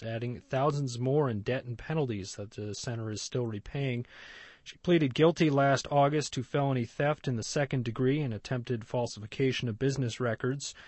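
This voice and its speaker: A man narrating a news report in a measured, scripted style. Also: medium pitch, no echo.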